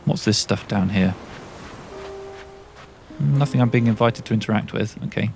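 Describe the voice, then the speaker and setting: A man's voice: on the low side, normal speed, vocal fry, darkish tone, soft background music. A man casually commentating a game as he plays, chatting and reading all the on-screen lines aloud himself. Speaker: gameplay commentator. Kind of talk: casual let's-play commentary.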